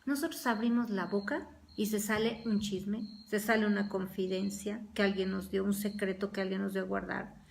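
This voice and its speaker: A woman's voice: medium pitch, steady tone, moderate pace, vocal fry. A woman church teacher leading a Bible study, speaking earnestly and acting out everyday quarrels in quoted voices.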